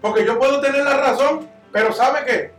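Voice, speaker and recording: A man preaching a sermon as pastor, impassioned and swinging from loud to hushed. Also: very high voice, moderate pace, distant mic. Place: church. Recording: echoey church room, miked from afar, soft guitar behind.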